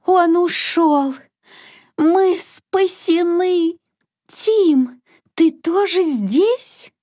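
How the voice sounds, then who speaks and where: A woman voicing a fussy, anxious mother duck who gives shrill commands in a storybook reading. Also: drawn-out words, dark tone, no echo, clean studio sound, exaggerated voice. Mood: relieved.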